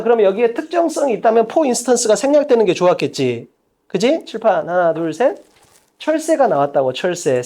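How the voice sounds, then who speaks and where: A woman tutor lectures at a whiteboard, her pitch sitting a little high and swinging widely as she drills her students. She talks bluntly and casually, tossing out one rhetorical question after another and hammering the same point home. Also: mellow. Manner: emphatic, quizzing students with rapid rhetorical questions; blunt and colloquial, repeating key points. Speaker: English exam tutor.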